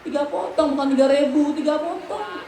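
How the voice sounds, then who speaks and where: A male preacher voicing a flustered wife who scolds her husband in a shrill, exasperated chatter. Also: fairly quick, mellow. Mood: insistent. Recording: roomy hall with faint background noise.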